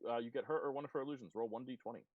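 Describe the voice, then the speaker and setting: A game master narrating a tabletop game in a relaxed, halting way with lots of fillers. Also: mid-range voice, no echo, phone-quality sound.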